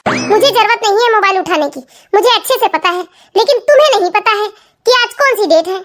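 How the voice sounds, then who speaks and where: A woman's voice: very high-pitched, animated, fairly quick, fairly bright tone. Woman as a chatty, sulky cartoon wife. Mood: indignant. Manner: chatty, talks to herself, sulky. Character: young wife, hopeful and sulky. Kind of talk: cartoon family comedy voice acting.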